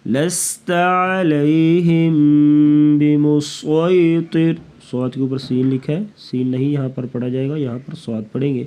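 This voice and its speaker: A man teaching Quran recitation rules, chanting verses slowly and melodically and then explaining each rule quickly. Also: medium pitch, level tone, dark tone. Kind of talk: tajweed lesson, slow recitation between quick explanations.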